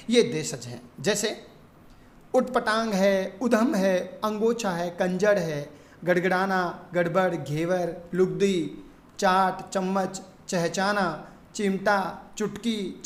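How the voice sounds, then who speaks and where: A woman teaching a grammar lesson, explaining terms and reading long word lists in a steady teaching tone. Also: medium pitch. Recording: echoey room.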